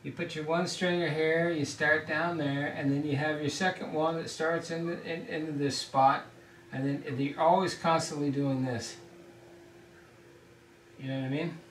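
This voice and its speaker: This middle-aged man gives a ship fitting lesson at a whiteboard, emphatic and blunt, going over the steps and repeating himself. His voice is a little high, level, and fairly bright at a normal speed. The camera mic sits a few feet away in the small room, so he sounds distant and off-mic, with roomy echo and slight hiss or hum.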